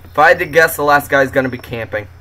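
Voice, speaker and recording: A man's voice: mid-range voice, fast talker, pushed and bright. A man in casual gaming chat over a headset mic, giving bossy callouts and teasing his teammate. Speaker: gamer.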